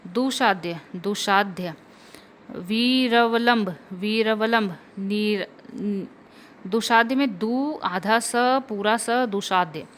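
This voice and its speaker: Slow-spoken woman teacher spelling words. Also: medium pitch, a bit bright, a little hiss or hum. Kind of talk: spelling correction lesson.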